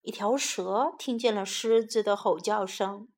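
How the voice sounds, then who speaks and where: Slow, gentle woman storyteller for children. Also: mid-range voice. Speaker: children's English teacher. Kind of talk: bilingual children's story narration.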